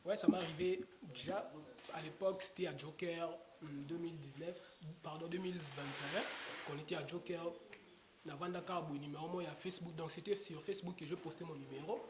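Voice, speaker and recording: A young rapper from the Democratic Republic of the Congo talks casually as an interview guest, rambling with many fillers and restarts. His voice is fairly high and fairly even in intonation, and he speaks briskly. The room is echoey, with clear background noise.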